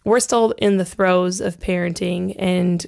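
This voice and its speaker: A woman co-hosting a podcast in casual chat, her voice hoarse and wheezy as it recovers from laryngitis. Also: fairly low pitch, fairly even intonation, a little slow, darkish tone. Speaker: podcast co-host.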